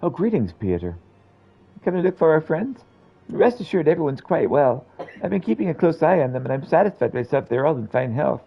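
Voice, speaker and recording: A man's voice: on the high side, very animated, fairly quick, creaky, husky, dull audio, faint music behind, full character voice. A man voicing a chirpy, polite, attentive little helper while reading game dialogue. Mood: cheerful, polite. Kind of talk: animated read-aloud of game dialogue.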